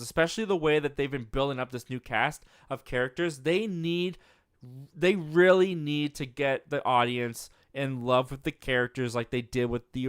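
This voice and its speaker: A man's voice: mid-range voice, a bit bright, clear, resonant tone, dry recording, clean studio sound. A man in his twenties hosting a live movie show, chatting casually as he reads viewer comments and often laughing at his own jokes. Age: 20s.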